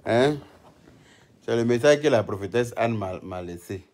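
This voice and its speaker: A man's voice: lowish voice, expressive, measured pace, darkish tone. A man doing casual live-stream commentary, teasing and chatty, often breaking into laughter. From Ivory Coast.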